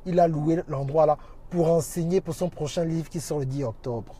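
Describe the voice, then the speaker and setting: A man's voice: fairly high pitch, fairly even intonation, normal speed, warm tone, a little hiss or hum. A man talking on a casual livestream, preaching emphatically and greeting viewers by name as he goes. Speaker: minister and social media teacher.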